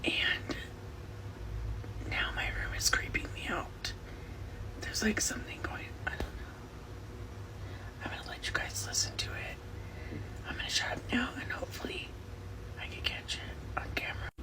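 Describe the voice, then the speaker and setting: A young woman records herself on her phone in a dark bedroom at night. She talks in a frightened, breathy whisper, keeping her voice low. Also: normal speed, pauses often, rough recording. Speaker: vlogger filming her room. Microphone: phone camera.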